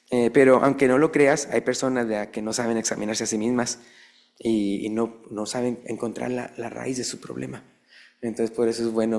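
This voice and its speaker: A man's voice: mid-range voice, creaky, a little mellow. A man teaching a church Bible class in a conversational way, often tossing rhetorical questions to the listeners. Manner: chatty, peppers talk with rhetorical questions; acts out little quoted dialogues.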